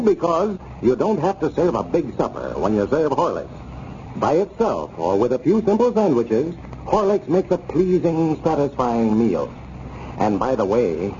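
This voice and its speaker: Male old radio show announcer, upbeat sales pitch, lively swings in pitch, warm tone, muffled vintage broadcast sound. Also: slight background noise. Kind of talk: scripted old-time radio announcing and commercial read. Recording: dull, lo-fi old radio recording.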